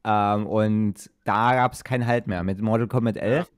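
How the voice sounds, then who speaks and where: A man's voice: on the low side, steady tone, measured pace. A man of about twenty chatting on a podcast, explaining eagerly and correcting himself as he goes. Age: 20s. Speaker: podcast co-host. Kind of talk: casual chat.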